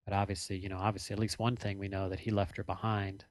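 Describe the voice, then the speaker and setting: A man's voice: fairly low pitch, flat delivery, fast, no echo. A man co-hosting a podcast, casually recapping a TV episode at length and correcting himself as he goes. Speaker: podcast co-host.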